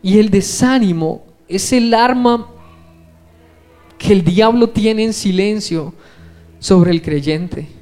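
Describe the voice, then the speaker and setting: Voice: mid-range voice, takes it slowly, pauses often, a little mellow, faint music behind. A preacher delivers an impassioned sermon full of rhetorical questions.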